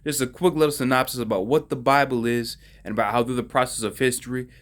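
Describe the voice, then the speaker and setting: A man explaining the Bible in a casual, conversational teaching style, often checking that listeners follow along. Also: lowish voice. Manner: conversational, folksy, asks listeners if they follow. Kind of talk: casual religious explainer video.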